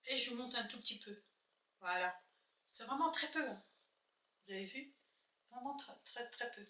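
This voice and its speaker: A chatty woman talks through her makeup, pausing to check product names and show viewers each step. Her voice is bright and sits a little high. She sounds roomy and distant, as if caught from across the room. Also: animated. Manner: chatty, thinks aloud while showing products. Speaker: makeup vlogger. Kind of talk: casual makeup tutorial chat. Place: indoors at home, husband filming. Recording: echoey room from far off.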